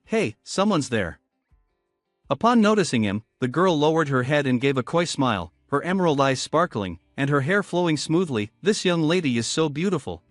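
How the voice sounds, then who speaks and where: A man narrating a story recap in a steady, even storytelling manner. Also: on the high side, no echo. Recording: dry with faint music.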